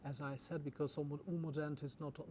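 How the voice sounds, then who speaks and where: Answering an interviewer haltingly and with frequent repetitions, a man who grew up in the Czech Republic and manages an orchestra speaks in a slightly high, flat, dark-toned voice. There is noise in the background.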